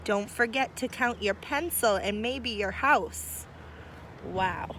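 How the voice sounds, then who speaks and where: The clip features a female teacher sharing a picture book with children out by the trees, her mid-range voice unhurried and warm. She often pauses for chatty, lively asides, and some slight background noise can be heard.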